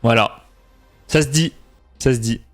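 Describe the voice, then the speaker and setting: A man's voice: mid-range voice, unhurried, soft background music. A young man from Franche-Comté with a faint Franc-Comtois French accent, chatting casually with his stream chat and mocking himself. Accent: slight Franc-Comtois French.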